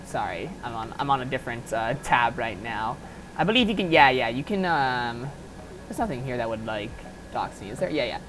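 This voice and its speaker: Speaking over music at normal speed, a woman with an extremely low but animated voice hosts a casual software modding tutorial. Nothing is scripted, so she talks offhandedly and thinks out loud as she proceeds.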